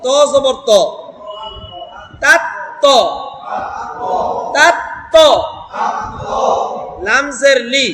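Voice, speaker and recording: High-voiced man teaching Quran recitation. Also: steady tone, crowd noise. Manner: drills syllables slowly, chanting the verse. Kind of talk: Quran reading lesson with recitation. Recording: echoey hall with noise.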